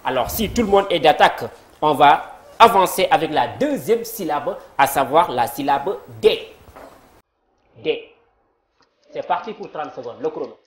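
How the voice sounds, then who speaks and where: A man with a Senegalese French accent hosting a TV quiz show, lively and full of fillers as he speaks to viewers. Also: on the high side, measured pace, pauses often. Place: TV studio. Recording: roomy studio with faint noise.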